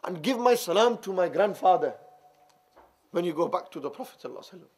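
Brief: preacher doing a sorrowful holy father, high male voice, pleading. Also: animated, quick pace, husky, heavily acted. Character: grieving holy man, father of the slain.

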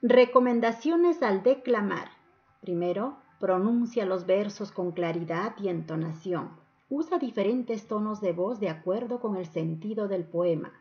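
The recording is a little dull and lo-fi. A woman speaks at a medium pitch, teaching in the style of a narrated lesson. She enunciates in a didactic way and puts emphasis on each item she explains. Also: animated, unhurried, a little mellow. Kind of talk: instructional lesson narration over slides. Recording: dull lo-fi voice-over.

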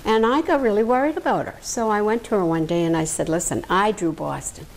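A woman's voice: medium pitch, fast talker, a little hiss or hum, rough recording. Elderly woman telling war stories. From Massachusetts. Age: older. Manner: lively storyteller, acts out quoted voices. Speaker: veteran interviewee. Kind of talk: oral history interview.

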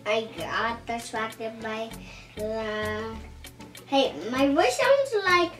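A child talking into a can at a family meal, speaking haltingly and trailing off mid-sentence. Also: mid-range voice, animated, a bit bright, recorded from a distance. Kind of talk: casual chat at the table. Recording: roomy echo, voice from off-mic, music behind.

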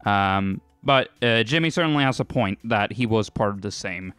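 A man's voice: fairly low pitch, moderate pace, clear, resonant tone, no room sound. A young man hosting casual gaming chat, joking around and swearing freely. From Sweden. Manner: animated, joking, profane. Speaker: gaming host.

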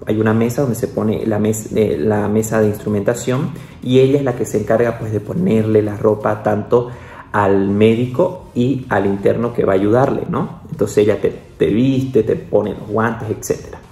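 A man's voice: fairly even intonation, moderate pace, mellow. A young adult man, a doctor, telling a personal story in a casual vlog, chatty, with many little asides. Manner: chatty, peppers speech with "¿no?" and "o sea"; acts out quoted voices, with the pitch jumping up. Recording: roomy echo.

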